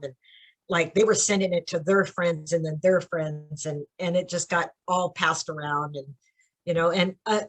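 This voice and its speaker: Husky-voiced woman author, lively and laughing. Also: lowish voice. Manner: animated, laughs often, emotional. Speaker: children's book author. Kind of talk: casual interview. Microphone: video call.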